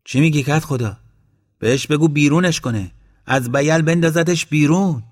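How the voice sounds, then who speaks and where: A man's voice: mid-range voice, no room sound, studio quality, natural voice. A man voicing a mocking young village man in a storybook reading.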